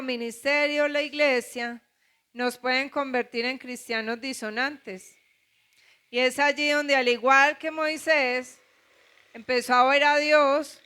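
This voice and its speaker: A woman's voice: high voice, sharp tone. A middle-aged woman pastor with a Colombian accent, preaching a sermon full of rhetorical questions. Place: church.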